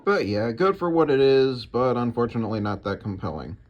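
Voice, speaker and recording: A man's voice: medium pitch, lively intonation, fairly quick, lo-fi sound, a little hiss or hum. A man hosting a video, giving casual scripted ranking commentary. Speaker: video host.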